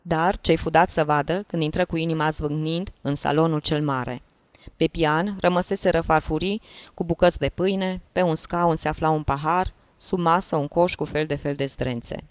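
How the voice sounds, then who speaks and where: Measured audiobook narrator, dry close sound. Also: mid-range voice, steady tone, smooth, no room sound. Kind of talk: scripted narration of a classic story.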